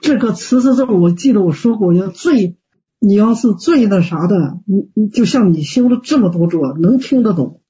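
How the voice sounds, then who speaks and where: Man, Buddhist teacher, folksy rhetorical questions, very dark tone, lo-fi call sound. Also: sits high, expressive, normal speed, breathy edge. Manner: plain-spoken, folksy, many fillers and rhetorical questions. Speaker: Buddhist teacher answering students. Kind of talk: online Q&A, casual teaching. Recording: dull lo-fi call audio.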